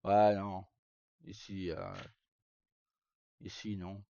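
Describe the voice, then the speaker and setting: Very slow and sing-song, a man's low, creaky, mellow voice chats casually and unscripted to his livestream viewers. He uses short broken-off phrases that are sweary and colloquial, with faint game music in the background of a dull, roomy recording.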